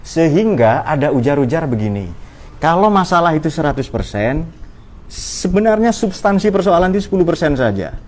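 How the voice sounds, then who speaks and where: A man's voice: a little high, big pitch swings, normal speed, a little mellow. A man giving an informal religious study talk, conversational and playful, with many rhetorical questions. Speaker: Islamic religious teacher.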